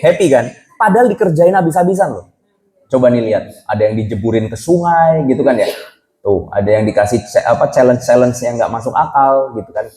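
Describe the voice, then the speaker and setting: A man with a mellow, relaxed tone teaches a casual religious lesson to a young crowd. He talks in a chatty way, keeps checking whether listeners follow, and drops English phrases into everyday speech. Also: mid-range voice, fairly quick, rough recording. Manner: chatty, keeps asking the audience rhetorical questions; mixes English phrases into colloquial talk. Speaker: Islamic preacher teaching youth.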